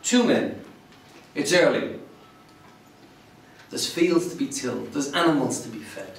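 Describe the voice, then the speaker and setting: A man's voice: medium pitch, lively intonation, unhurried, a little hiss or hum. A man giving a prepared speech to a club audience, theatrical, wry and emphatic. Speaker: club public speaker. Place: club meeting room. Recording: very echoey room, voice from far off.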